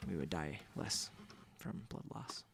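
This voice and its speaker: A young man in casual vlog chat, talking in a goofy, deadpan way as a singer-songwriter between songs. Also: rumbling low, unhurried, vocal fry, background noise. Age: young adult.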